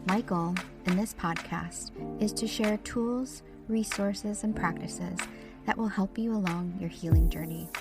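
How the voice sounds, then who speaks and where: Over music, a woman in her forties from the suburban American Midwest hosts her own podcast. Her mid-range voice moves a little slowly, and she talks informally with upbeat emphasis.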